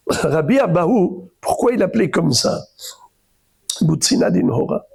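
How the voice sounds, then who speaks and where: Animated rabbi with a gravelly, husky voice. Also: male voice, high voice, unhurried. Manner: animated storyteller, voice rising and dropping to near whispers. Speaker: rabbi teaching Talmud. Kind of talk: Talmud lesson, retelling stories.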